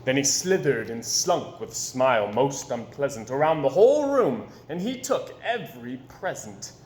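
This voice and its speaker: A man reading a children's storybook aloud in a theatrical, dramatic way with drawn-out repetition and emphatic pauses. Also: mid-range voice, very animated, a little mellow, reverberant, slight background noise.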